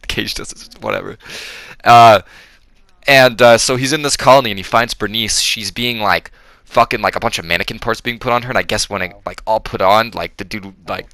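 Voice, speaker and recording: Man, film reviewer, casual and profane, rambling with fillers, bright sharp voice, dry close sound. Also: on the low side, fairly even intonation, fairly quick, no room sound. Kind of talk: casual spoken movie review.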